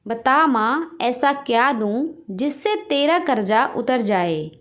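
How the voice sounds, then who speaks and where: A woman's voice: a little high, lively intonation, takes it slowly. A woman voicing an impatient, short-tempered grown son in a storybook tale, complaining and irritable. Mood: irritated.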